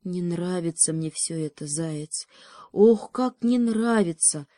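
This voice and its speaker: A woman's voice: lowish voice, takes it slowly, warm tone, no room sound, studio quality. A woman voicing a young male beaver cub in a storybook, anxious and stubborn, talking in fretful exclamations. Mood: worried.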